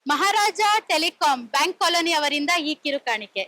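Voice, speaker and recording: A woman with a high, bright voice hosts a prank show. She apologizes for the joke and then asks direct questions. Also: lively intonation, moderate pace.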